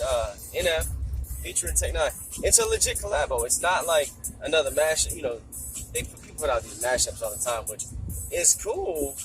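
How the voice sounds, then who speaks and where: A man with a smoker's rasp hosting a casual solo podcast in an informal, rambling, slangy way, with music behind him. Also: lowish voice, rough recording. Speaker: podcast host. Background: music playing in the background.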